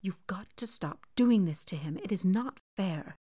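Woman reader voicing a protective young aunt, impatient, pitched up and sharp. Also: animated, moderate pace, dry recording, clean studio sound, lightly acted. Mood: whispered anger.

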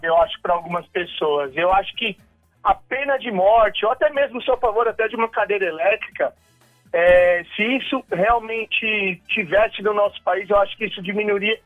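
A man's voice: high-pitched, moderate pace, faint music behind. Give me an earnest man calling in over a tinny phone line. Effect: heard over a phone line. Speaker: radio listener calling in. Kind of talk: casual call-in chat. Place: in a car in traffic.

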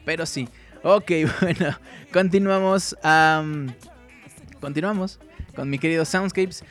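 High-voiced man hosting a music show. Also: takes it slowly. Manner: jokey, slangy, laughs often. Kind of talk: casual radio show chat.

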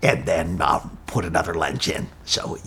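A man's voice: very deep voice, fairly even intonation, normal speed, gravelly, a bit bright, a little hiss or hum, pitched below the performer's own voice, full character voice. A man voicing a casual male eye surgeon who reassures offhandedly and repeats himself. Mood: breezy.

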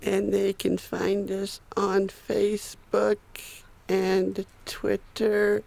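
A man putting on a mock sick-voiced woman's voice, croaky and teasing, drawing his words out slowly. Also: high-pitched, completely flat delivery, a little mellow, pitched above the performer's own voice, full character voice. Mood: mock announcing.

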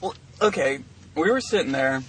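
A man's voice: on the high side, animated, moderate pace, fairly bright tone, a little hiss or hum, rough recording. A young man co-hosting a crude podcast among friends, telling rambling stories with frequent laughter. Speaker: podcast co-host.

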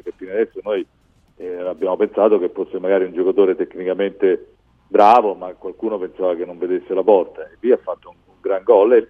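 A man's voice: deep voice, narrow, tinny audio. A man giving discursive, explanatory football commentary as a pundit on a live radio talk show.

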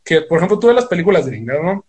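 A man's voice: high-pitched, sing-song, very fast, darkish tone. A young man with a northern Mexican accent from Sonora, a guest guitarist telling stories in rambling slang full of swearing. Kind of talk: casual podcast chat.

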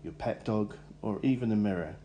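A man gives interview advice in a measured, instructive way. His voice sits low and sounds mellow and relaxed. A faint hum stays in the background. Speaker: careers adviser. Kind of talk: scripted advice segment.

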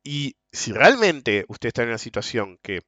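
A man's voice: medium pitch, big pitch swings, normal speed, pushed and bright, dry recording. A middle-aged Argentine man hosting a podcast, talking in a rambling, slangy monologue and laughing often. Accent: Argentine Spanish. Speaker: podcast host. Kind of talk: casual monologue.

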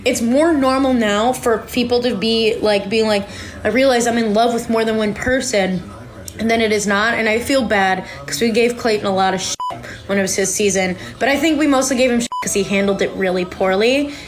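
Chatty higher-voiced woman podcast host. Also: a little fast. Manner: chatty, reacting live while watching. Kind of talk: casual recap chat.

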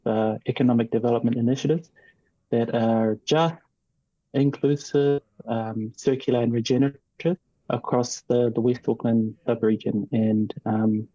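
A man born in New Zealand and raised partly in Tonga, a guest in an interview, speaking in a measured, reflective way with frequent ums and restarts. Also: mid-range voice, warm tone, no room sound, muffled recording. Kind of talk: casual interview talk.

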